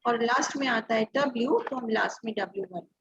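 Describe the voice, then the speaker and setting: A woman's voice: on the high side, fast talker, fairly bright tone, muffled recording, slight background noise. A woman teacher giving an online class, patiently spelling out words letter by letter. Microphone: computer or phone mic on a video call.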